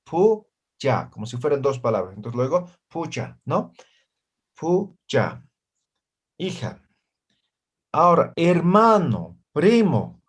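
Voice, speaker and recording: A man teaching a language class over a video call, slowly repeating words and checking in with his students. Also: fairly high pitch, sing-song, slightly rough. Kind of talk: online class teaching vocabulary.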